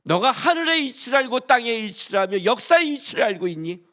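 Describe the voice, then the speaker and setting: A man playing God, booming and scolding. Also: sharp tone, exaggerated voice. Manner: rebuking rhetorical questions.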